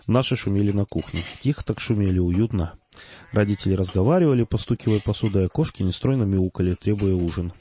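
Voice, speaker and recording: A man narrates a story in the first person with a measured, quietly wry delivery. His voice sits low and sounds warm and mellow. The recording is slightly dull, with faint music playing underneath. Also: slight background noise. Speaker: audiobook narrator.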